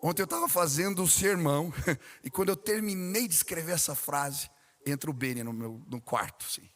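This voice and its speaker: A male pastor preaches a sermon and tells a family story, acting out each voice in it. His voice sits on the higher side for a man. The sound carries the long reverb of a large church hall. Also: brisk, a bit bright. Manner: storytelling preacher, acts out dialogue with rising intensity.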